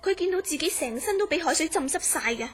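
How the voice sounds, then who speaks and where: In a radio drama, an actress with a Hong Kong Cantonese accent plays an earnest woman gravely recounting a friend's eerie dreams in measured, serious storytelling. Her voice is very high-pitched and animated, with faint music behind.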